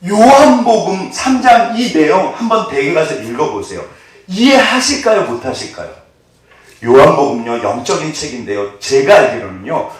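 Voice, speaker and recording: A man, a pastor, preaching a sermon in a church and often putting questions to the congregation. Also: on the high side. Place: church sanctuary. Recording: echoey hall, far from the mic.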